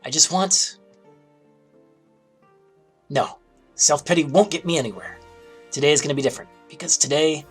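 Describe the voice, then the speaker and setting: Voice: medium pitch, moderate pace, pauses often, breathy edge, soft background music, lightly acted. A game developer voicing a grumpy, boastful yet insecure young female dragon for a video game, in a theatrical, declamatory manner. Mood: self-pitying. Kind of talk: game character voice-over, playful live read.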